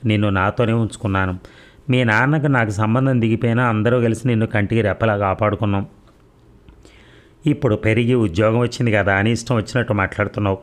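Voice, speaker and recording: A man's voice: fairly low pitch, steady tone, fast talker, lightly acted. A man voicing a defensive, self-pitying middle-aged mother who complains plaintively in a read audio story.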